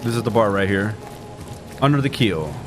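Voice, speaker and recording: A man's voice: on the low side, expressive, moderate pace, noisy background. A man giving casual video game playthrough commentary with informal, jokey asides. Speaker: gaming streamer. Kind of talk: casual playthrough commentary, reading clues aloud.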